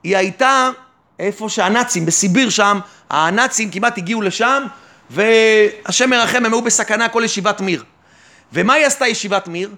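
A man with a strikingly high voice preaches a fervent sermon as a rabbi. He addresses the listener directly, firing off rhetorical questions and answering them himself. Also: bright, forceful tone. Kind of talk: sermon on faith and trust.

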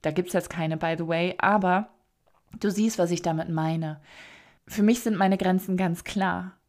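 A woman's voice: lowish voice, steady tone, unhurried, a little mellow. A middle-aged German woman hosting a solo podcast, talking in an emphatic, direct way. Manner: emphatic, direct, acts out quoted voices. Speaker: podcast host, copywriter.

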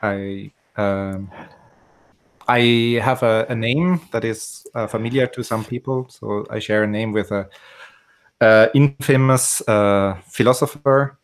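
Give me a hesitant man in his forties, low voice, talking over a video call. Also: slow. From Austria. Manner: hesitant, many fillers, dry humor. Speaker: guest. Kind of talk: casual podcast chat.

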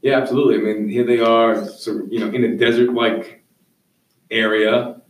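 A man's voice: medium pitch, fairly even intonation, moderate pace, far from the mic, rough recording. A man teaching history conversationally, explaining step by step and checking in with tag questions. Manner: explanatory, checks understanding with "right?". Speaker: history teacher and show host. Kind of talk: conversational classroom lecture.

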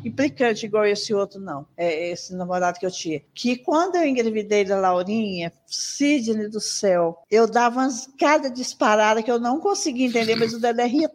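A woman hosting a podcast, chatting casually and telling animated stories. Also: on the high side, moderate pace, few pauses, slight background noise. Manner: chatty, animated storytelling with playful baby talk. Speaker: podcast host. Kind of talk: casual chat.

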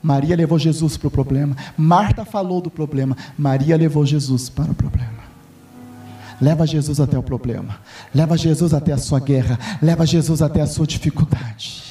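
A male pastor preaching a sermon in a church, emphatic and repetitive, building up to shouts. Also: on the high side, normal speed. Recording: distant mic with faint music.

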